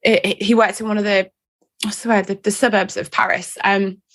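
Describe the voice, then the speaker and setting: A woman in her forties from England, a guest in an interview, talking in a chatty, animated way with self-mocking asides. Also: medium pitch, brisk. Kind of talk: casual interview chat.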